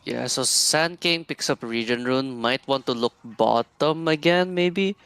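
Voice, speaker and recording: Groggy, soft-spoken man with a lazy drawl. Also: medium pitch, unhurried, clear, resonant tone, no echo. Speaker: esports co-caster. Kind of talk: casual live video game commentary.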